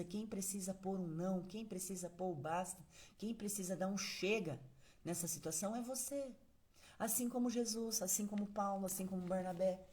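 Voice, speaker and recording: A Brazilian woman preaching a morning devotional. She talks to her listeners in a familiar, conversational way and slips into casual acted-out prayers. Her voice sits at an ordinary middle pitch. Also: warm tone. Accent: Brazilian Portuguese.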